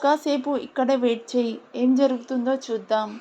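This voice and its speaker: A woman's voice: high-pitched, fairly even intonation, a little fast, mellow, a little hiss or hum, close to an everyday voice. Woman doing a scolding young man. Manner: teasing, scolding. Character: young man, sharp-tongued and bossy. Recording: dull lo-fi recording.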